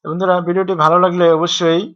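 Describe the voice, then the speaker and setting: A man walks through a typing lesson, spelling out keys one letter at a time. His voice sits a little high and crisp-edged, with little rise and fall. The home desk-mic recording is dry and slightly dull. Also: little pitch movement, very fast, sharp tone, dry recording. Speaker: typing tutor. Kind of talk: screen-recorded software tutorial.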